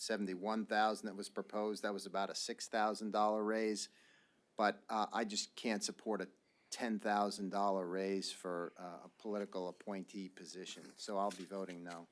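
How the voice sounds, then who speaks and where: A man's voice: fairly low pitch, level tone. A man giving a short, polite statement on why he votes no at a council meeting. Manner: measured, polite, some fillers. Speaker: council member. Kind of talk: brief floor statement.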